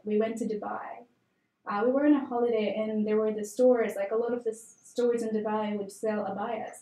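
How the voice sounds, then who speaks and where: A woman's voice: a little high, mellow. Young woman from Tanzania, echoey room. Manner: candid personal storytelling with fillers. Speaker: guest. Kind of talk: conversational interview.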